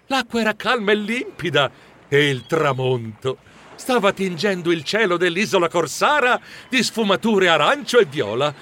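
A man narrating a children's story in the first person, with animated, expressive delivery. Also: sits high. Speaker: audiobook narrator.

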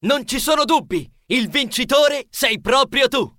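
A man voicing a measured, slightly pompous young male influencer in an audiobook. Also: high voice, animated, fairly bright tone, heavily acted. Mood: polite. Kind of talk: audiobook character voice.

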